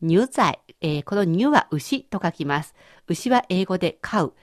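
A woman leading a radio language lesson who explains words clearly and patiently. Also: lowish voice, lively intonation, a little slow, no room sound, clean studio sound. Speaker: language teacher.

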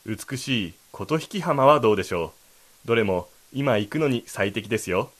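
A man's voice: medium pitch, lively intonation, normal speed, fairly bright tone. A man co-hosting a language lesson, explaining and rephrasing lines in a polite, explanatory manner. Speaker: co-host.

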